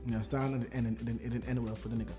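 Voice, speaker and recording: A man co-hosting a casual podcast, animated and laughing as he retells stories. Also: mid-range voice, very fast, soft background music. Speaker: podcast co-host.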